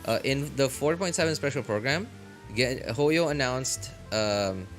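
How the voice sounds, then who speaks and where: Here a male game streamer talks casually over background music, sounding animated and a bit bright at a medium pitch and measured pace. The livestream chat is rambling and slangy, with phrases repeated.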